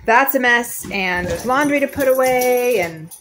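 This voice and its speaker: A woman's voice: a little high, animated, unhurried, a bit bright, slight background noise. A woman in her thirties from Nova Scotia, chatting easily as she vlogs her homeschool and homemaking day. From Nova Scotia, Canada. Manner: chatty, easygoing. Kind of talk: casual vlog narration.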